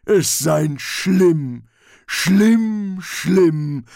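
A man voicing a slow-witted, cheerful male troll guard in an audiobook, speaking in broken grammar. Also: high voice, expressive, vocal fry, darkish tone, no room sound, clean studio sound, pitched above the performer's own voice, exaggerated voice. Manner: broken grammar, plodding speech.

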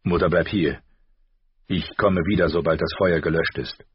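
Audiobook: man as a gentle young lord, deep, soft-spoken, dry sound. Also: fairly even intonation, moderate pace, breathy edge, no room sound. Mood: firm. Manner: soft and soothing. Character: calm, gentle young lord comforting his mother. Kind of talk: audiobook character voice. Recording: slightly dull recording.

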